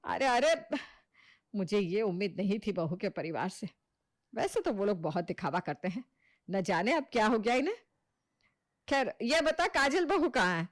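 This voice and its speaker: A woman's voice: mid-range voice, very animated, normal speed, no room sound, studio quality, lightly acted. A woman voicing an older, caring but gossip-prone mother-in-law in a cartoon story. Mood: concerned.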